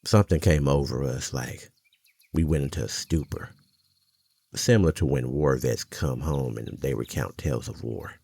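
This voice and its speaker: In an intimate ASMR roleplay, an actor fully voices an older small-town mountain man, a haunted yet gentlemanly storyteller. He speaks in halting, folksy phrases with a very deep, gravelly, husky voice, in a somber, haunted mood, with no room sound.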